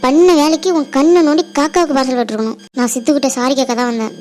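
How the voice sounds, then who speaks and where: A woman playing a feisty, sharp-tongued college girl. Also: high-pitched, faint music behind, lightly acted. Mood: scolding. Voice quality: quick, scolding, teasing. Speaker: college student. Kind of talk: village family drama acting.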